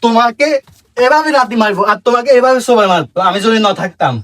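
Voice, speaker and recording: A sly, meddling older guy from a comedy skit, acted by a man, with a regional Bangladeshi Bengali accent. He talks quickly in a high voice. He goads people and repeats his words to stir up a quarrel. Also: lively intonation, fairly bright tone. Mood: sly goading. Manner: goading, repeats himself.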